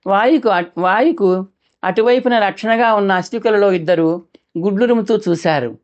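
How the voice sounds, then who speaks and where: Woman reading a folk novel aloud, steady storyteller pace, middle pitch, dull lo-fi sound. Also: moderate pace. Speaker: audiobook narrator. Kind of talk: scripted novel narration.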